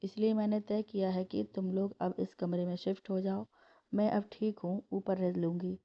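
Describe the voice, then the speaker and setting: A caring older mother, voiced by a woman narrator speaks gently to her family in a storybook reading. The pitch stays flat and even. The recording is dull and lo-fi. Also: normal speed, close to an everyday voice.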